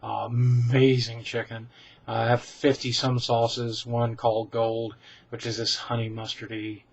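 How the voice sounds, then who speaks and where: At home, a vlogger speaks straight into his webcam, rambling through viewer questions with candid, self-deprecating humor and many ums and restarts. His ordinary mid-pitched voice is monotone, a little slow, breathy and edged with vocal fry, and it comes through slightly dull and lo-fi.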